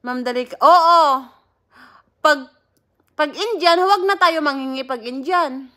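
A woman's voice: high voice, measured pace, pushed and bright. A Filipina woman, chatting casually on a livestream, greeting viewers by name and laughing often. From Philippines. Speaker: livestream host.

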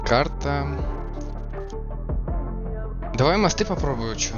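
A man's voice: on the high side, expressive, slow, highs cut off. A young man who is playing and talking in brief, casual gaming chat. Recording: loud music and game sounds behind.

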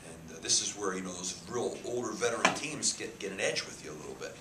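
A man's voice: low voice, lively intonation, fast talker. A man in his fifties, a head football coach answering at a press conference, emphatic, repeating words and gesturing. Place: press room with a sponsor backdrop. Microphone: table mic cluster. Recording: echoey room, faint hiss.

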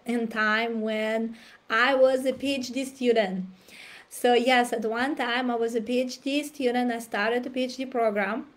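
Woman host, raspy from a cold, slow unhurried delivery, clears throat often. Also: a little high. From Russia. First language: Russian. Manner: frequent throat clearing and fillers. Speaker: challenge host. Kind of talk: live-stream coaching talk.

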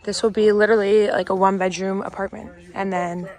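Filming herself with an arm's-length phone, a young woman in her twenties gives a casual, excited tour of her horse property, from under the barn roof out to the pasture. Her mid-range voice moves a little fast.

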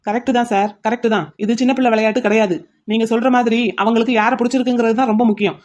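A woman voicing a loud, indignant young man who is the fiancé in a cartoon. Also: on the high side, steady tone, rapid-fire, highs cut off, lightly acted.

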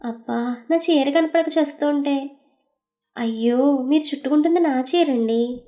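A woman voicing an embarrassed young wife who scolds in an urgent, hushed way. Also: high-pitched, unhurried, soft background music. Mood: flustered.

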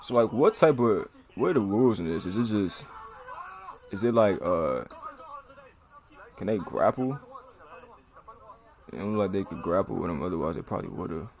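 Low gravelly man reacting casually. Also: expressive, moderate pace, pauses often, a little mellow. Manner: laid-back slangy commentary, chuckling and exclaiming. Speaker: reaction video host.

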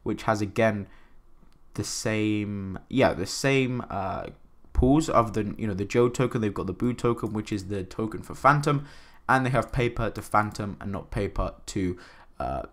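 A man with a lowish voice talks through a screen-share review in a casual, rambling way. He restarts sentences and fills pauses with "um" and "right?". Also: fairly bright tone. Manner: rambling, filler-heavy, repeats "right?". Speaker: crypto channel host.

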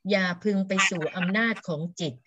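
A woman reading a scripture translation aloud for a monk's class, in a steady, measured way. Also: mid-range voice, slightly rough, no echo, muffled recording. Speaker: student reader.

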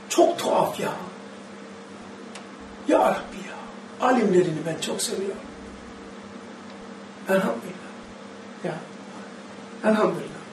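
A man with a Turkish accent teaching a religious study sermon, impassioned, quoting Arabic verses and putting questions to his listeners. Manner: impassioned, rising to high emphatic bursts; quotes Arabic verses, asks the audience questions. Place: mosque or study hall. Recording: echoey hall, faint noise, distant mic.

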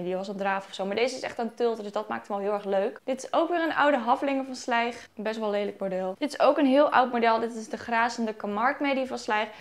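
Chatty young woman unboxing toys. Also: fairly high pitch. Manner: chatty, self-correcting, giggly asides. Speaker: vlogger. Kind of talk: casual unboxing chat. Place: at home in sunlight.

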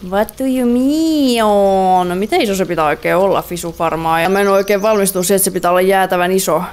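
A woman's voice: lowish voice, little pitch movement. A young woman giving playful, chatty let's-play commentary, repeating words and mixing in English phrases. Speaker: gaming YouTuber.

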